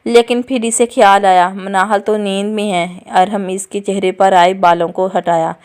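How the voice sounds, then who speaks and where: A woman reads a romance novel aloud in a steady, even way. Her voice is smooth and clear, at a middle pitch. The delivery is scripted storytelling. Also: moderate pace. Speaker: audiobook narrator.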